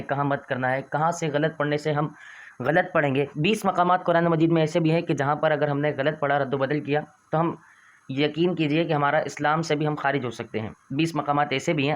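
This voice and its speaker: A man teaching an online Quran reading lesson, patiently explaining and repeating letter sounds in an earnest, exhorting manner. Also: on the high side.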